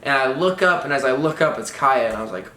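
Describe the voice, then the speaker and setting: A young man telling his side of a story in a casual couple's chat, relaxed and rambling, with lots of "like". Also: medium pitch, fast talker. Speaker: vlogger, BMX rider. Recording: echoey room.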